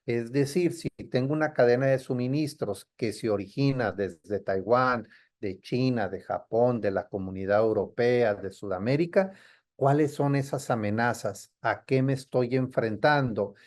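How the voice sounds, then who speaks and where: Speaking at a measured pace in a medium-pitched voice, a male trade compliance consultant lays out security rules like a lesson. He regularly checks in with his audience throughout the explanation.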